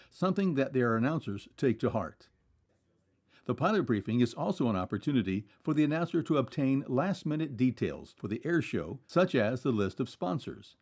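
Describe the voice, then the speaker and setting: A man's voice: mid-range voice, darkish tone. A man reading scripted documentary narration in a polished, explanatory way.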